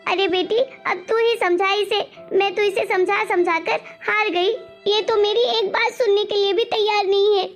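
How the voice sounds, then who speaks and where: A woman voicing an anxious elderly mother-in-law in an animated family story, wailing and calling on God. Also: very high voice, normal speed, few pauses, faint music behind. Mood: pleading.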